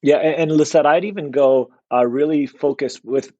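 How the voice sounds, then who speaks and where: A man co-hosting a ministry podcast, speaking in an encouraging, deliberate way. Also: on the high side, a little mellow, no echo. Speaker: podcast co-host. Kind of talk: casual podcast chat.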